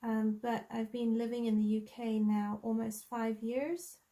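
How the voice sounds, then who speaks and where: Coloring on a live stream, this friendly, chatty host thinks aloud and fills her talk with ums. She's a thirtysomething woman from South Africa with a matching accent, and her warm, somewhat high voice moves at a measured pace with fairly even intonation.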